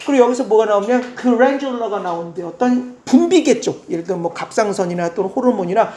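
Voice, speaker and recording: A woman teaching English to exam students, explaining a reading passage in a lively way with rhetorical questions and words read out slowly. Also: a little high. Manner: animated, switches between polite and casual speech, asks rhetorical questions.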